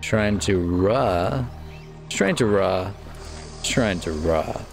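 Brief: male gamer, slow unhurried commentary, repeats building names under his breath, with game music playing. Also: deep voice, animated, creaky. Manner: mutters building names twice over while playing. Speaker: let's play gamer. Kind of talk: casual gameplay commentary, reading game text aloud.

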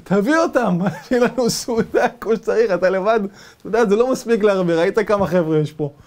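A man's voice: high voice, pitched above the performer's own voice. A man playing a gloating cannibal chief. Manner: mocking, relishing.

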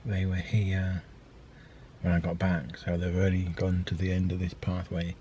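Warm but completely flat, his low voice keeps a moderate pace, with a little hiss or hum underneath. The speaker, a vlogger in his thirties, rambles casually with many ums to a handheld camera at arm's length. It's a daily vlog shot in a park, then a car, then his home.

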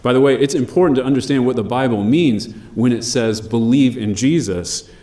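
A man preaching a sermon, measured and emphatic, slowing down on key phrases. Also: medium pitch, mellow, roomy sound. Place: church.

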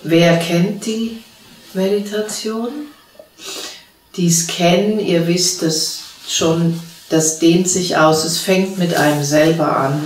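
A woman, a spiritual teacher, gently guiding a seated group through a meditation with calm, unhurried instructions. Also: low voice, slight background noise. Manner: slow, calm spoken instructions with long pauses. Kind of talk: guided meditation. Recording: roomy sound from a distant mic.

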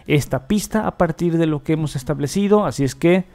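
A man hosting a software tutorial, explaining each step as he clicks through, often repeating set phrases. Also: on the high side, fairly quick. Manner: repetitive, filler-heavy demo talk. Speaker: tech tutorial host. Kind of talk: screen-recorded software tutorial.

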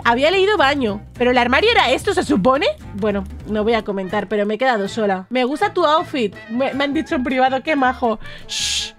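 A young woman with a Spain Spanish accent, hosting a casual let's-play, excitable and shrieking at scares, reading game chat aloud. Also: high voice. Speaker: gaming YouTuber host.

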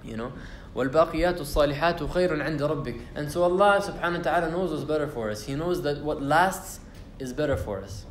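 A man's voice: a little high, very fast, few pauses, roomy sound, a little hiss or hum. A young man giving an informal class on the Quran, talking casually with fillers and restarts and reciting Arabic verses. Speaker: Quran study teacher. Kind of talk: informal tafsir class talk. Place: university lecture room.

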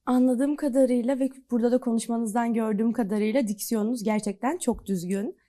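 A woman host with a slightly high, warm and mellow voice. She puts polite, inquisitive questions to her guests in an even, friendly interview manner. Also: fast. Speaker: program host.

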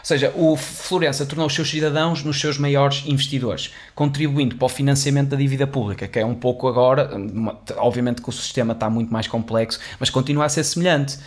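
He talks fast with hardly any pauses, his medium-pitched voice fairly even: a young man with a European Portuguese accent hosting an educational series on finance history. Chatty and gesturing, he restarts and uses fillers a lot, recorded in a small dark-walled studio on a boom-arm condenser mic with headphones on.

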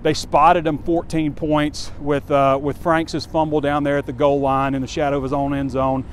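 Out on a campus street near a stadium, a man in his forties who publishes a sports site offers candid, rambling commentary with fillers at a moderate pace. His voice is fairly high with little pitch movement. He films on a phone held close while walking, over faint street noise.

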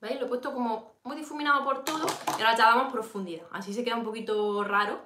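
Speaking fast in a fairly high, steady voice, this Peninsular Spanish beauty host runs a relaxed makeup livestream from home. She addresses her audience directly, picking up and replying to comments while she applies makeup. There's background noise, and the room echoes.

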